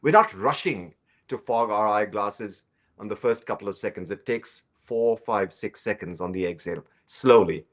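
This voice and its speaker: A low-voiced breathing instructor leads a guided breathing lesson, calm and slow with a soft guiding tone. He explains with drawn-out phrases and gives gentle instructions during practice.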